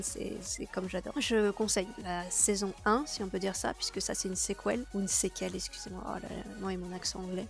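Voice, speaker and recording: Young woman, casual host, chatty and informal, mid-range voice, faint music underneath. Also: medium pitch. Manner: chatty, with fillers and asides. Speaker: anime video host. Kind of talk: casual chat reviewing a season's releases.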